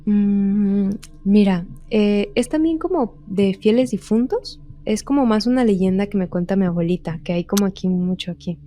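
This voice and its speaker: A woman's voice: medium pitch, moderate pace, warm tone, soft background music. A woman casually retelling a ghost story on a podcast. She rambles and keeps repeating "he told me.".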